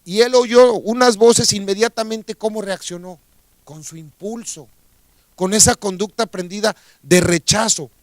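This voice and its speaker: A man's voice: high-pitched, fairly even intonation, unhurried, no echo. Man, Mexican accent, radio sermon, storytelling, rhetorical questions, dry sound. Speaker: preacher.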